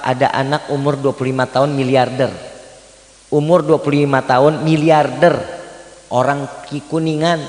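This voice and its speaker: A man preaching a sermon as a lively story, in colloquial speech that acts out the dialogue. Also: on the high side. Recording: echoey hall with long reverb.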